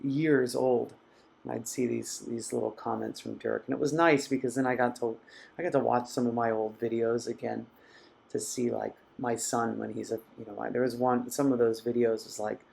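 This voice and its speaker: A man hosting a live mindfulness session, speaking in a reflective, halting way as he reads out viewers' comments. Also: mid-range voice, level tone, creaky. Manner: reflective, soft-spoken and halting. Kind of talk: casual live-stream talk reading viewer comments.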